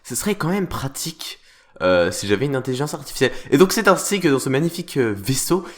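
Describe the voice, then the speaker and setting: A man's voice: mid-range voice, very animated, quick pace. A man hosting a semi-roleplay game video, commenting in a mock-formal, theatrical way with many hesitations. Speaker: let's play host.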